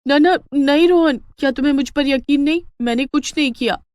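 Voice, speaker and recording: A woman's voice: high voice, fairly quick, a little mellow, dry recording, clean studio sound, voice pushed up, close to an everyday voice. A woman voicing a vain, touchy young daughter-in-law in a cartoon story, whiny and protesting. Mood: shrill, panicked.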